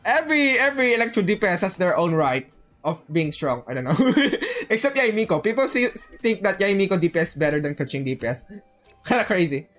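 Livestreaming a video game, a woman banters casually with her viewers, often repeating her words and phrases. Her medium-pitched voice swings widely in pitch and moves fairly quickly, with faint music in the background.

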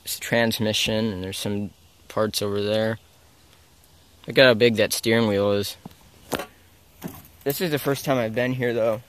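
A man's voice: on the low side, steady tone, a little slow, long pauses, clean tone. A young man casually narrating while walking through a forest, filming on a handheld camera, rambling and correcting himself as he goes. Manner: rambling, unsure, self-correcting. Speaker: explorer filming abandoned sites. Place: outdoors in a forest. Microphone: handheld camera mic.

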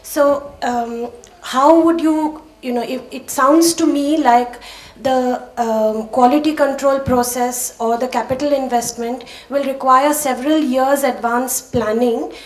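A woman's voice: high-pitched, fairly even intonation, unhurried. A woman in the audience asking a long question, hesitating with many ums and uhs. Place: auditorium audience. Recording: echoey hall, heard from far off.

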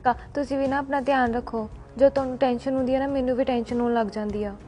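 A woman's voice: high-pitched, steady tone, quick pace, mellow, faint music behind, natural voice. A young woman playing a caring girlfriend who keeps reassuring him. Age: young adult.

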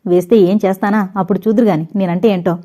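A woman's voice: mid-range voice, fairly even intonation, fast, natural voice. A woman reading as a fiery proud young woman. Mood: indignant. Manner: sharp, indignant, scolding. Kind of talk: audio novel reading.

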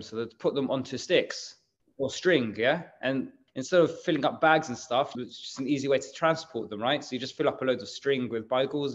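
A man's voice: mid-range voice, highs cut off. A man, talking casually in an interview and explaining things in a rambling way with lots of fillers. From England. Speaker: bakery managing director.

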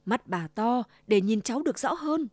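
A wicked old wolf voiced by a woman in a dry, close storybook reading. He growls when plotting and softens into a fake, trembling grandma voice to fool the child. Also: on the high side, animated, moderate pace, dry recording. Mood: falsely sweet. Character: wicked old male wolf, greedy and sly.

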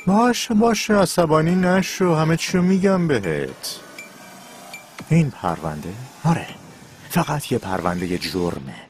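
A man's voice: a little high, lively intonation, slight background noise, lightly acted. An actor dubbing a sly man who teases out a family secret in a TV drama. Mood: teasing. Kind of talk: dubbed TV drama dialogue.

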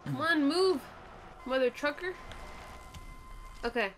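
A woman's voice: high-pitched, takes it slowly, fairly bright tone, slight background noise. A woman playing a co-op video game, chatting casually and laughing often. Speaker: gamer. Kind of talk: casual co-op gameplay chat.

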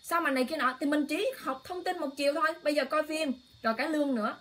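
High-voiced impassioned woman livestreamer. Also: quick pace, a little hiss or hum. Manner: impassioned, exclaiming, addresses viewers directly. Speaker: online livestream host. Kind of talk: emotional political talk to viewers.

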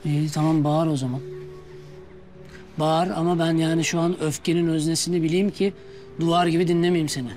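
A quick-talking man with a slightly high voice and soft music behind him. An actor plays a patient, easygoing man who teases gently and stays reasonable. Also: flat delivery, close to an everyday voice. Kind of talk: TV drama acting.

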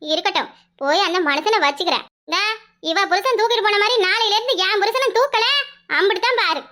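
A sharp-tongued village gossip teases and scolds in a very high, piercing voice, as a woman puts her on. She rattles off her jibes quickly with a bright, keen edge and a southern Tamil accent. It is a cartoon voice of a mocking neighbor. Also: full character voice. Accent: southern Tamil (Tirunelveli). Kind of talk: cartoon voice acting.

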